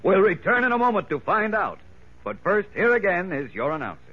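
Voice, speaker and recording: A man's voice: high-pitched, big pitch swings, brisk, husky. A man with an American accent narrating a 1940s radio serial in a dramatic, suspenseful old radio announcer style. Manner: dramatic, suspense-building delivery. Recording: dull, lo-fi vintage radio recording.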